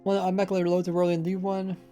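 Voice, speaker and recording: Quick and completely flat, this man's high, warm voice carries his casual, rambling talk during a Minecraft stream. His speech is slightly mumbled and lazily pronounced, with a faint accent, over faint background music.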